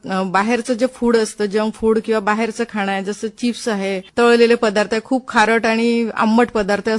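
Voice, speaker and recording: A woman doctor with a slightly high voice explains and instructs on a phone-in show. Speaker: Ayurvedic doctor, studio guest. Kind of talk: spoken advice on a phone-in.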